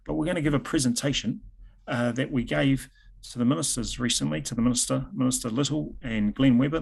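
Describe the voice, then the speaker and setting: A man's voice: medium pitch, gravelly. A man with a New Zealand accent hosting an informal presentation on a video call in a chatty manner. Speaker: host and presenter. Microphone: video call microphone.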